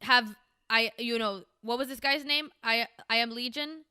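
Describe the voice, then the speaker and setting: A woman's voice: on the high side, moderate pace, pushed and bright, clear, resonant tone. A woman co-hosting a podcast in casual banter, teasing her partner, swearing freely and steering the talk back on track. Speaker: podcast co-host.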